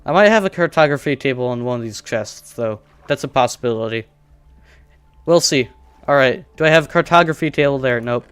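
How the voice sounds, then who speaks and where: A man's voice: medium pitch, animated, brisk, fairly bright tone, clear, resonant tone, dry recording, faint music behind. A man streaming a survival game, casually thinking aloud and joking at his own expense while he plays. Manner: rambling, self-deprecating, thinking aloud.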